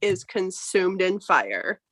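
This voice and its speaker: Woman narrating slowly as game master. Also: fairly low pitch, very animated, fairly bright tone, dry recording. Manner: slow dramatic narration.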